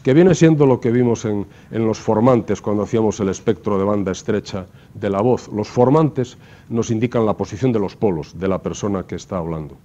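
A man's voice: on the low side, brisk, mellow. A man lecturing to a class, explaining step by step and often checking in with rhetorical questions. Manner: explanatory, asks rhetorical questions with frequent tag "¿no?". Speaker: university lecturer. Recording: dull lo-fi lecture recording.

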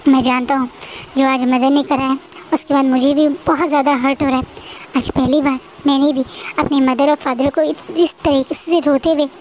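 Woman voicing a gentle anxious young man. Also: sits high, slight background noise, natural voice, poor audio. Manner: pleading, soothing.

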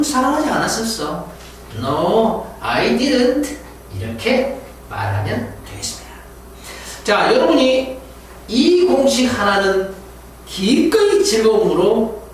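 A man teaching an English lesson, drilling pronunciation and having students repeat words slowly after him. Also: high voice, distant mic. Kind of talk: classroom lecture with pronunciation drills. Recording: echoey room, voice from afar, faint hiss.

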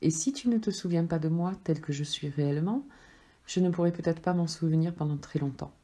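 A woman voicing a gentle, loving soul that speaks softly and patiently. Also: sits low, a little fast. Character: gentle, loving friendly soul, calm and tender.

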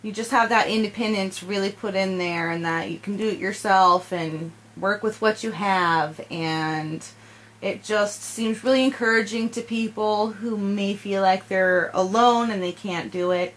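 With a fairly bright, medium-pitched voice and a measured pace, a young woman student conducts an interview with a channel host. Sitting in a home library with a fireplace and bookshelves, she reflects his answers back and asks encouraging follow-ups.

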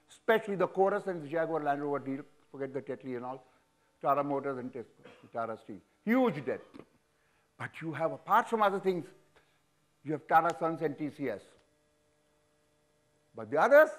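Man in his seventies, Indian English accent, lively and blunt, slightly high voice, lapel mic on stage. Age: 70s. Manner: animated, frank, sweeping hand gestures, chuckling. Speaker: business leader guest. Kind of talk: on-stage interview. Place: auditorium stage.

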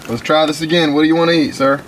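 A man's voice: on the high side, level tone, quick pace, natural voice. A young man playing an impatient, rude drive-thru worker, taking orders in a curt, exasperated way. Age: young adult. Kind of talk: prank headset act. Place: inside a parked car at night. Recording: noisy car interior.

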